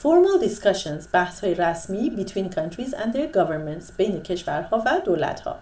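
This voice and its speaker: A woman teaching English vocabulary in Persian, explaining step by step and reading English phrases out slowly. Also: on the low side, animated, a little mellow, reverberant, recorded from a distance.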